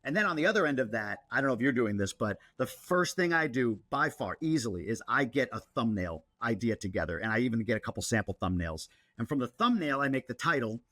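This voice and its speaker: A man, a content creator guest, talking in a casual interview with an excitable, animated manner. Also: medium pitch, quick pace, hardly any pauses, no echo.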